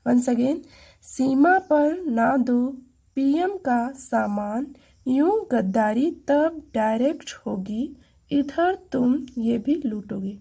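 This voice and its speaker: Woman, chemistry teacher, slow-paced, raspy, repeats mnemonics syllable by syllable. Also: high-pitched, animated, mellow. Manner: slow, syllable-by-syllable recitation for memorizing; addresses viewers as friends.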